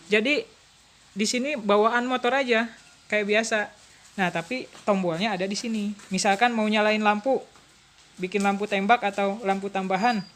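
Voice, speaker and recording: A woman's voice: medium pitch, fairly bright tone, slight background noise. A woman, demonstrating a motorcycle alarm step by step in a chatty way. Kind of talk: casual product demonstration.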